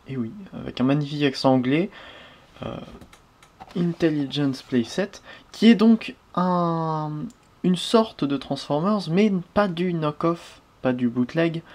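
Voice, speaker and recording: A man's voice: on the high side, a little mellow. A man hosting a casual toy unboxing review, chatty and prone to small hesitations and self-corrections.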